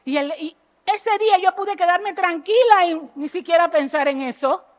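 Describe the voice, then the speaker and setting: A woman preaching an impassioned sermon in a church, jumping between loud exhortation and low earnest asides and firing rhetorical questions at the congregation. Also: normal speed, highs cut off. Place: church sanctuary.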